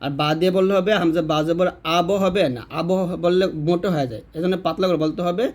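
Guy teaching quran reading, kinda high voice, repeats stuff and quizzes himself. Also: steady tone, fast talker, darkish tone. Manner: repetitive, asks questions and answers them himself. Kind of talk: step-by-step recitation lesson.

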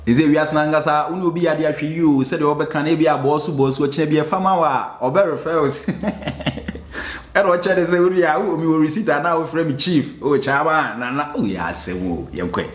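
A man with a Ghanaian accent hosting a music reaction, excitable, breaking into exclamations and slowly repeating lines to explain them. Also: fairly high pitch. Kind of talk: reaction commentary. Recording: roomy echo.

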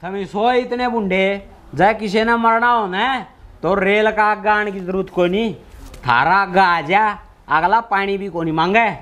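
A man plays a town drunk of a son-in-law in a village comedy. His high-pitched voice has a Haryanvi accent, and he rambles on with stubborn, boastful swagger, picking arguments brazenly. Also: fairly even intonation, unhurried, fairly bright tone. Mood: belligerent. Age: young adult. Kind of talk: Haryanvi comedy skit acting. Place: open concrete house courtyard, outdoors.

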